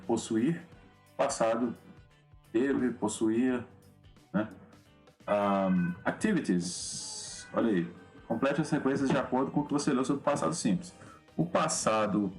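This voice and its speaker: A man's voice: on the low side, a little mellow. A man with a Brazilian Portuguese accent teaching an English grammar lesson in a loose, repetitive way, often checking in with "né?". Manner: loose, repeats words, often adds "né?". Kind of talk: recorded lesson explaining grammar.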